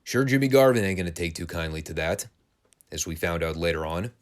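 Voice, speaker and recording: Man, low-pitched voice, wrestling podcast host, dry sarcastic humor, casual review. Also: lively intonation, brisk.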